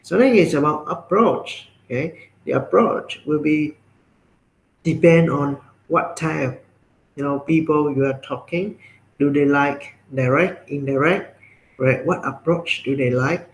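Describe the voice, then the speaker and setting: A man's voice: fairly high pitch, a little slow, echoey room, rough recording. A man with a Vietnamese accent who teaches a class and explains things step by step, often checking in with "right?" and "okay?". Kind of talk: classroom lecture.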